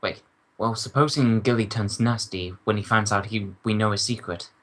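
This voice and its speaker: An actor playing a stuffy gentleman doctor, a detective's loyal companion, in an old-time radio drama with a proper, grumbling manner. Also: fairly low pitch, steady tone, normal speed, close to an everyday voice. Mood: grumbling, uneasy.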